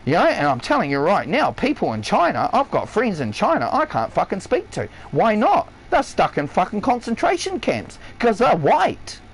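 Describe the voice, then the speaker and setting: High, wildly swooping ranting man. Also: huge pitch swings, normal speed, hardly any pauses, slightly rough, low-quality recording. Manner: blunt, heavily profane, emphatic rant. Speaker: chef streaming live. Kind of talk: ranting livestream monologue. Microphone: console headset or stream mic.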